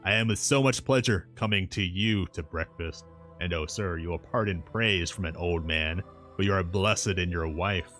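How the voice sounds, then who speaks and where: Guy doing a kind old professor, low voice, courtly odd phrasing, storybook read, bit of music under it. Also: normal speed, a bit bright. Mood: warm, admiring. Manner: solemn, courtly, quaintly broken phrasing. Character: kindly, earnest, strong-faced old male professor.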